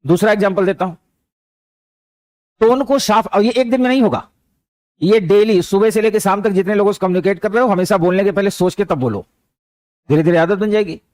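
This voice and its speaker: The man's voice sits high and sounds a little mellow; he talks fairly quickly but leaves long pauses, with no echo in the recording. In this storytelling motivational lecture he chats along, adding anecdotes and scattered English words.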